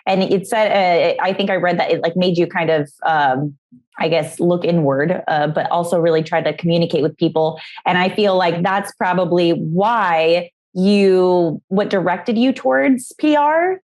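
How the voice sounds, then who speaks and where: A woman's voice: lowish voice, a little mellow. Young woman hosting, kinda upbeat, lots of um and like. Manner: upbeat, halting, many fillers. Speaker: podcast co-host, interviewer. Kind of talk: casual interview talk.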